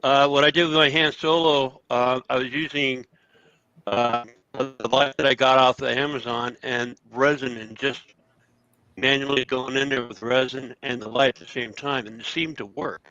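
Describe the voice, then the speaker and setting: A man calling into a live show over a glitchy connection that makes him sound robotic, talking casually and haltingly with many fillers on a wireless headset. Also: mid-range voice, steady tone, bright, forceful tone, no echo. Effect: glitchy, robotic-sounding breaking-up call audio. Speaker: remote guest on a live show. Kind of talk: casual chat about model building. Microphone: wireless headset on a video call. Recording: dull lo-fi dry call line.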